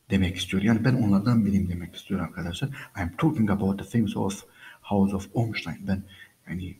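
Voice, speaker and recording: A man's voice: lowish voice, mellow, low-quality recording. A man teaching English by reading a story aloud and explaining each line patiently, repeating phrases and speaking to listeners as friends.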